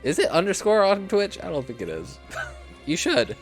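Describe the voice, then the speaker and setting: A man's voice: high voice, huge pitch swings, moderate pace, faint music behind. A young man chatting casually and rambling in a self-deprecating way as he plays a video game. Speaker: streamer. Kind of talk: casual gameplay commentary.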